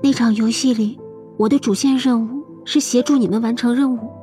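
A man's voice: a little fast, darkish tone, soft background music. Man putting on a clever little girl. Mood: choked up. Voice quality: high, thin girlish voice. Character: young girl, clever, quiet and guarded. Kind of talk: audiobook character voice.

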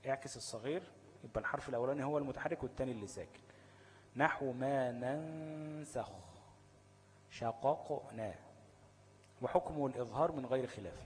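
Fast-talking Egyptian man teaching. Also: medium pitch, a little mellow, a little hiss or hum. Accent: Egyptian Arabic. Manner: quizzes listeners with fill-in questions and checks understanding. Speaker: Quran recitation teacher. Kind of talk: explanatory lesson.

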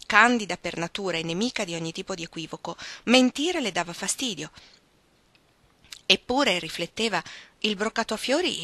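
Brief: a woman narrating a literary novel, measured and expressive, with a bright, clear voice. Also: on the low side, no echo. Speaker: reader. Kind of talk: audiobook reading of a novel.

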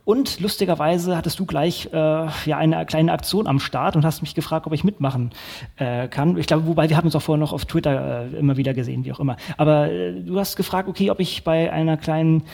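A man hosting a casual interview podcast, talking in a relaxed, rambling way with many restarts. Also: fairly high pitch, quick pace, gravelly, slightly rough. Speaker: podcast host.

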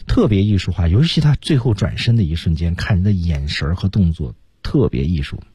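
A man co-hosting an English lesson on a radio program, explaining lively and acting out English lines. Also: deep voice, brisk, slight background noise. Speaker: radio English teacher, co-host. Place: radio studio.

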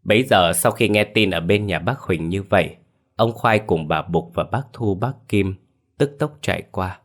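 A man narrating a horror story in a measured, dramatic storytelling voice. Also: low-pitched.

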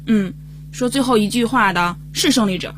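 A woman's voice: a little high, normal speed, fairly bright tone, a little hiss or hum. A female radio host teasing her co-host with questions in casual chat.

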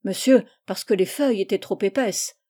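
Overeager boy pupil, a woman reader voices him, excited and blurting, storybook. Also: medium pitch, moderate pace, natural voice. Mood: eager. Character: eager schoolboy bursting to answer.

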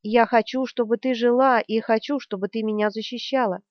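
A woman reading the part of a stubborn, calm young male hero in an audiobook, steady and earnest. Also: a little high, a little fast, no echo, natural voice. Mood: earnest resolve. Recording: dry, slightly dull studio sound.

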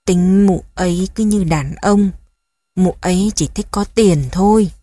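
A smooth-talking lover murmurs flattering, coaxing words in an unhurried way, as a woman narrator puts him on. The recording is close and dry. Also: medium pitch, no echo, natural voice. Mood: soothing.

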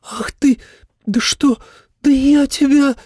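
A man's voice: very high voice, fairly even intonation, slow pace, a little mellow, no echo, studio quality, pitched above the performer's own voice. A man putting on a sputtering hot-tempered young bride. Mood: sputtering indignant. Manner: indignant, sputtering. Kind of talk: audiobook character voice.

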